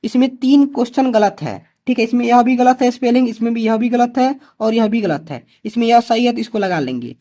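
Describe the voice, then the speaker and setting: A woman's voice: a little high, fairly quick, hardly any pauses, dark tone. A woman teaching an exam-prep grammar lesson, who keeps asking questions and answering them herself. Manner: repeats key points for students.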